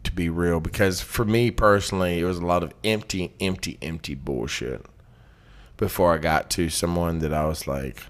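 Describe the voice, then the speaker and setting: A man's voice: low voice, normal speed. A man hosting a casual podcast, rambling and joking crudely with plenty of swearing as he gets drunk on beer. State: drinking beer, getting drunk. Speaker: podcast host. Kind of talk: casual, profane podcast banter.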